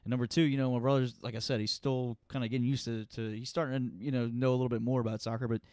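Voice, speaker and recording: A man co-hosting a soccer podcast, excitable and rambling, swearing freely. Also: mid-range voice, very fast, clear, resonant tone, no room sound, clean studio sound. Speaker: podcast co-host. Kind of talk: casual chat.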